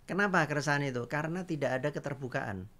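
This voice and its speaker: A man's voice: a little high, quick pace, a bit bright. An older man, a father on a livestream, talking politics in an earnest, emphatic, lecturing way. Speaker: father giving views on a livestream. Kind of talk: casual political discussion.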